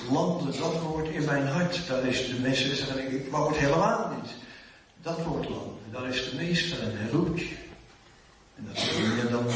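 Older Dutch-speaking preacher in an echoing hall. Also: male voice, fairly high pitch, a little hiss or hum. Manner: animated storytelling, acts out the voices in his story. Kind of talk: sermon. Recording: echoey hall, mic set at a distance.

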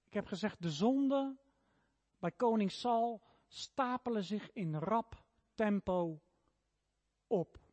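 A man preaching a sermon and reading aloud from Scripture, leaning on key words and sinking low on them. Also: darkish tone, no echo. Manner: emphatic, slows and drops low on key words.

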